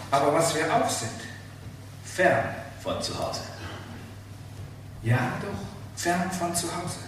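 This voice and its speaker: A man preaching a sermon, emphatic and animated, asking the listeners rhetorical questions. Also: high-pitched, recorded from a distance. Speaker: pastor. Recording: very echoey hall, speaker off-mic, faint room noise.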